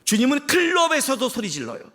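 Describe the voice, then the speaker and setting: A man preaching a sermon as pastor, impassioned, shouting for emphasis and firing rhetorical questions at the congregation. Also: very high voice, wildly swooping pitch, brisk.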